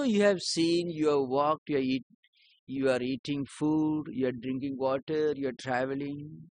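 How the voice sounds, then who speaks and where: A man giving a philosophy lecture in a measured, explanatory way, posing rhetorical questions to his listeners. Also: fairly high pitch, no room sound.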